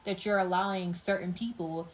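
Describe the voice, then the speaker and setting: A young woman reads tarot in a loose, chatty way, full of "like" and "um," and she gets emphatic and passionate when she presses a point. Her voice sits a bit low for a woman. A faint hiss runs under the recording. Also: steady tone, moderate pace, poor audio. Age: young adult. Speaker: tarot reader. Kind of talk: casual monthly tarot reading.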